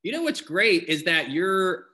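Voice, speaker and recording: A man co-hosts a chatty podcast, asking loose, rambling questions in an easygoing way. His voice is bright and a little higher than most men's. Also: very animated, unhurried. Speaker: podcast co-host. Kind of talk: casual chat.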